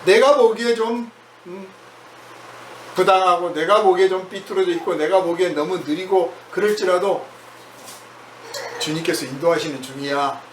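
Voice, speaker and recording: A man's voice: high-pitched, steady tone, moderate pace. A male pastor preaching in a conversational way, acting out prayers in quoted voices. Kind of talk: sermon. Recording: echoey hall from far off, faint noise.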